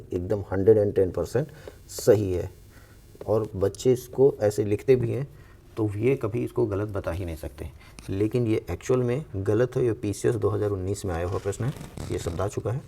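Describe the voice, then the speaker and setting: Low gravelly guy teaching spelling for exams, repeats every word slowly, bit of noise behind. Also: mellow. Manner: explains step by step, repeats each word slowly. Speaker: Hindi exam coach. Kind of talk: spelling lesson for exam aspirants.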